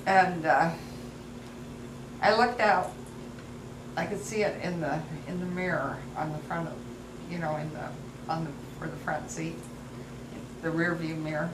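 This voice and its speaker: A woman's voice: sits low, fairly even intonation, unhurried, long pauses. An elderly woman, a grandmother, telling family stories in a casual, rambling, anecdotal way, as an elder recalling the past. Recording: roomy, clearly noisy home recording.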